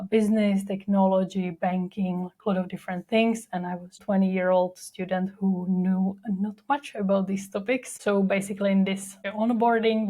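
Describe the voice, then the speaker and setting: In a personal storytelling monologue, a young podcast host with a Czech accent speaks candidly and reflectively, relying on fillers throughout. Her warm voice stays mid-range and level, with little rise or fall.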